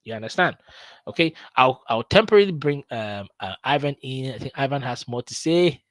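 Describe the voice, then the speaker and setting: A man's voice: mid-range voice, expressive, brisk, fairly bright tone, dry recording. A man hosting a live stream, explaining things step by step with many filler sounds. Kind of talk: casual live-stream talk.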